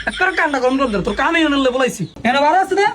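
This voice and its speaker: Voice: high voice, animated, rapid-fire, over a noisy crowd. A performer playing a bossy, exasperated tailor master who scolds in a regional eastern Bangladeshi Bengali dialect, in a comedy skit. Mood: scolding. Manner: scolding, loud bickering. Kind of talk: broad comedy skit dialogue. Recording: noisy recording with clicks.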